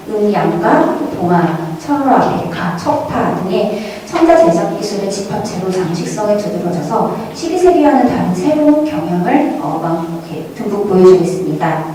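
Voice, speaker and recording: A woman with a dark, medium-pitched voice delivers a prepared academic talk at a museum conference. The recording is distant, made in a large, strongly echoing indoor hall with faint noise.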